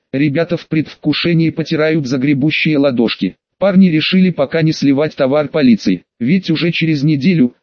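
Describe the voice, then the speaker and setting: A man narrates an audiobook in a wry, even storytelling manner, his voice slightly higher than most. The recording sounds dull and lo-fi, with a dry, close sound. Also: no echo.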